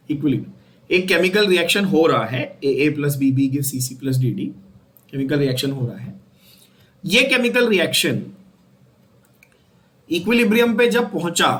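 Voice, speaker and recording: A man's voice: on the high side, fairly bright tone. A man. He keeps checking with the students and repeats each key term so it sticks. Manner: asks the students questions and repeats key terms, switching between Hindi and English. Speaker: chemistry teacher. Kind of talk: classroom lecture.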